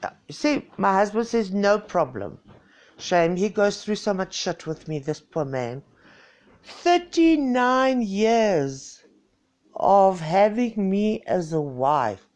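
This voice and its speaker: A woman in her sixties with a Greek South African accent chats playfully on a home live stream, poking fun at herself. Her mid-range voice is sing-song, slow and a little mellow, in the style of a vlogger's casual live-stream chat.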